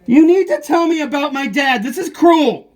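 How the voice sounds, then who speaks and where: A man with an unusually high voice begs, over and over, for an answer in a heated family argument at home. He keeps repeating himself, swinging from insistent pleading to raised shouting. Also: expressive, moderate pace. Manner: shouting at times. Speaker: adult son. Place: inside a home.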